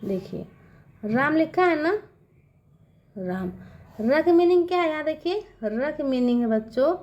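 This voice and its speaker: A woman's voice: sits high, expressive, a little slow, a little mellow, highs cut off. A woman teaching a patient classroom-style lesson, speaking to the listeners as children and often asking checking questions.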